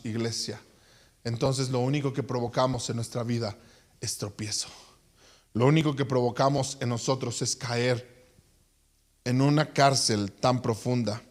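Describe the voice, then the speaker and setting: A man preaching a sermon, telling a parable with animated delivery and sudden loud peaks. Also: mid-range voice.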